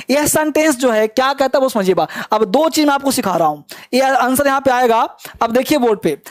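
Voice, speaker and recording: A man with a Bihari Hindi accent teaching English in a live online class. He encourages his students and repeats his prompts, urging them to answer quickly. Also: extremely high pitch, no room sound, clean studio sound.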